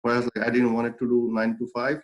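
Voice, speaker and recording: The audio is poor, and the young man talks quickly in a monotone, mid-range voice. Born in Bangladesh with Bengali as his native tongue, he is the interview guest, a clothing brand founder telling his life story earnestly and reflectively, with frequent fillers and restarts.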